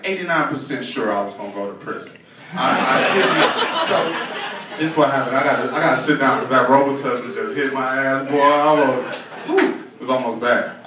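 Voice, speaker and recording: A young man telling a stand-up story on a comedy club stage, animated and profane, acting out voices as he goes. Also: mid-range voice. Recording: echoey club, far mic, audience noise. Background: audience laughter.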